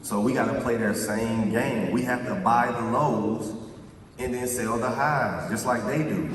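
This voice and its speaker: A man's voice: medium pitch, unhurried. A man in his twenties speaking to a live audience, boastful and slangy, often asking "you feel me?". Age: 20s. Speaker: guest speaker. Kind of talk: motivational talk to a live audience. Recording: echoey hall, far from mic, crowd noise.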